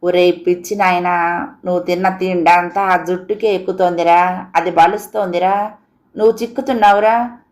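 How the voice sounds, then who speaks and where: A woman's voice: lowish voice, fairly even intonation, moderate pace, a little mellow, natural voice. A woman voicing a doting old village grandmother who scolds and coaxes her grandson. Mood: fussing. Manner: scolding, coaxing.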